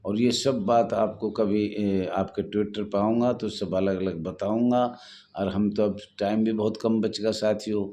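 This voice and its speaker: A man's voice: fairly low pitch, steady tone, a little slow, mellow, a little hiss or hum. A man leading a home guard association, talking earnestly and repetitively to supporters in a live online talk over his phone.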